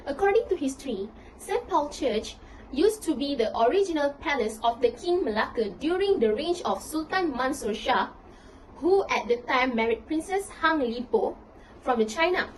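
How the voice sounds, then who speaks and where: Young Malaysian woman, student narrator, high register, scripted delivery. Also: a little hiss or hum, poor audio. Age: young adult. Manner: steady, reading from a script. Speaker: student presenter. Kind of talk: read-aloud school presentation.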